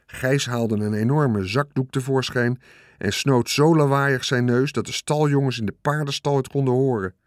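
Calm male storybook narrator. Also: mid-range voice, normal speed, dry recording, clean studio sound. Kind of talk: storybook read-aloud.

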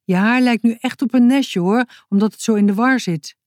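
A woman voicing an excitable young girl in a children's storybook, talking eagerly and quickly. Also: a little high, no room sound, clean studio sound, voice pushed up, close to an everyday voice.

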